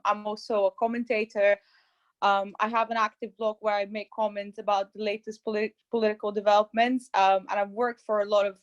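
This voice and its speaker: A woman from Bulgaria opening an online webinar as its co-founder and host, speaking in a measured way with frequent pauses and ums over a video call. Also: medium pitch.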